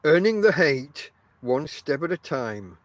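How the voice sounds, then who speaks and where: A man's voice: on the high side, very animated, a little slow, dry recording. A middle-aged man with toothless, lips-over-teeth articulation, chatting casually and wryly on a podcast in a self-deprecating way. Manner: self-deprecating, wry banter. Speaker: podcast host. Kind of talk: casual rambling podcast talk.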